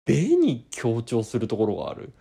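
A man's voice: medium pitch, huge pitch swings, normal speed, gravelly, warm tone, slightly rough. A man hosting a casual solo podcast, musing aloud as he tries out different regional word accents. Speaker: podcast host.

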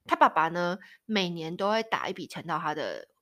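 A woman's voice: lowish voice, very animated, moderate pace, fairly bright tone. A woman in her thirties from Taiwan with a Taiwanese Mandarin accent, hosting a casual storytelling chat. She laughs often and acts out the voices of people in her stories. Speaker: podcast host.

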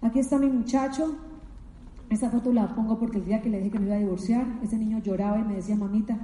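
A woman's voice: fairly high pitch, steady tone, fast, dark tone. Emphatic Colombian woman speaker in an echoey hall. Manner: emotional, emphatic storytelling with repetitions. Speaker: motivational speaker. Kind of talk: motivational talk to an audience. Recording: echoey hall with long reverb.

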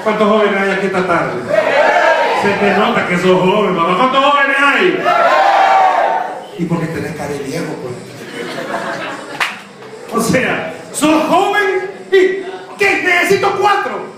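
A man's voice: high voice, lively intonation, a little slow, pauses often, distant mic, heavy background noise. A young man, preaching a humorous youth sermon, teasing the crowd and acting out quotes. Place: church. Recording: echoey church hall, preacher off-mic, crowd behind.

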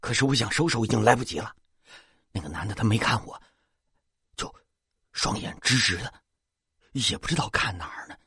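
A man's voice: fairly low pitch, expressive, moderate pace, long pauses, sharp tone, slightly rough, no room sound, studio quality, exaggerated voice. A man doing a jittery stammering young guy. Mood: excited. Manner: stammering, repeating words.

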